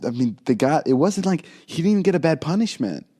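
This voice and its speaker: A young man co-hosting a podcast, trading quick, joking banter and laughing often. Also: on the high side, animated, mellow, breathy edge. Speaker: podcast co-host.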